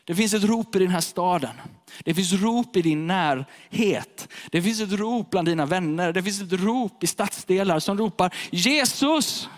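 A man preaching a sermon to a gathered audience, emphatic and repeating his key phrases. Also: sits high. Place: church hall with a live audience. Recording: echoey hall reverb.

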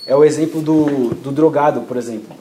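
A man's voice: mid-range voice, fairly quick, warm tone. A young man giving an informal sermon, talking casually with slang and acting out quoted prayers. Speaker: preacher. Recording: echoey room, faint ambient noise.

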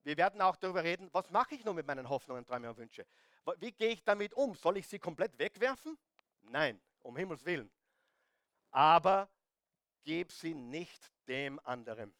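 A man preaching a sermon, animated, asking his listeners direct rhetorical questions and adding humorous asides. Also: fairly high pitch, moderate pace, dry recording, studio quality. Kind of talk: sermon on marriage.

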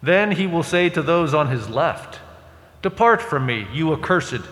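A male priest reading the Gospel aloud in measured, formal phrases, with cathedral echo around his voice. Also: fairly high pitch, animated, a bit bright. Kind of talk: liturgical Scripture reading. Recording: echoey church with long reverb.

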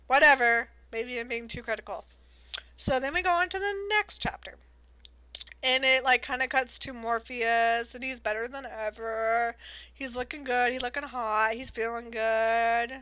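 A young woman chats casually, retelling a story with lots of laughter and loose swearing. Her voice sits high and sounds bright. The recording is dry and a little dull. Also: normal speed, clean tone, dry recording. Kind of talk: casual chat recapping an audiobook.

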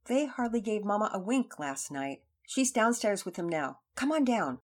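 Woman reading as a kindly father, storybook, patient explaining, lively intonation, slightly raised pitch. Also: moderate pace. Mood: cheerful. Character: cheerful gentle father of young children.

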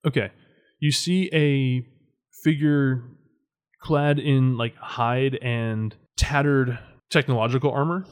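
A man narrating and running a tabletop game as game master, in a calm, measured way. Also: medium pitch, smooth.

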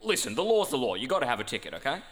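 A man playing a hapless, defensive ticket inspector in a comedy sketch, with a halting manner. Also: mid-range voice, big pitch swings, a bit bright, big-room sound. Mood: defensive, alarmed. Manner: hesitant, halting, stammering.

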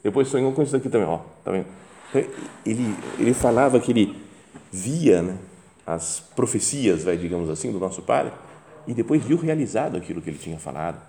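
A man's voice: lowish voice, lively intonation, a little fast, mellow, slight background noise. A man with a Brazilian Portuguese accent, a priest leading a meditation, telling anecdotes in a chatty way and acting out the people he quotes. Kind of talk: anecdotal storytelling in a spiritual talk.

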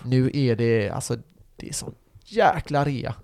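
A man's voice: mid-range voice, gravelly, dry recording, clean studio sound. Young male podcast co-host, loose conversational chat, hesitant fillers. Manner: relaxed, chatty, many fillers.

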